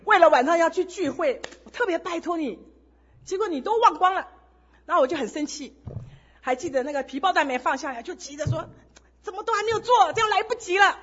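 A woman's voice: sits high, fairly bright tone, highs cut off. A woman sharing an earnest testimony in a sermon, telling stories and exhorting listeners. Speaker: church speaker sharing testimony.

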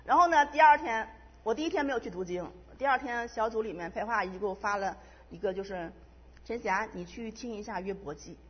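A middle-aged woman telling an emotional personal faith testimony, quick storytelling that repeats its phrases. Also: medium pitch, breathy edge. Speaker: church member giving testimony. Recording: dull lo-fi sound in a reverberant hall.

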